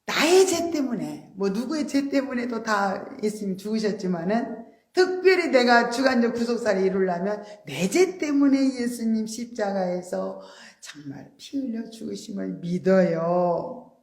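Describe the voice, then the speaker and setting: Animated woman preacher in echoey church. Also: mid-range voice, unhurried. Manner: animated, emphatic, acting out quoted voices. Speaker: pastor. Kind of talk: sermon.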